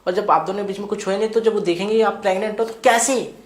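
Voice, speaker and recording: A woman's voice: medium pitch, steady tone, racing, close to an everyday voice. A woman voicing a flustered young man, the brother-in-law, who protests and lectures in a web series scene. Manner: protesting, exclaiming, preachy. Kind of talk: Hindi web series dialogue. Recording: echoey room.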